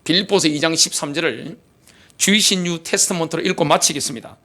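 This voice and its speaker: A man's voice: a little high, fast, pushed and bright. A middle-aged man, a pastor, preaching a sermon animatedly with many rhetorical questions. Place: church sanctuary.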